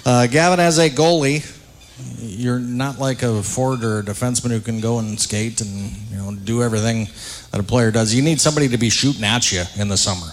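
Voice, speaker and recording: A man hosting a live radio broadcast from a dinner event, asking relaxed, chatty questions full of fillers. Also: medium pitch, a little fast, a little hiss or hum. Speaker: radio play-by-play host. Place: large arena banquet hall.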